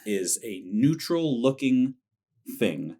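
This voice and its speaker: Male podcast co-host, animated, playful, does little voices. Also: mid-range voice, slow. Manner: animated, acts out quoted voices. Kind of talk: casual chat.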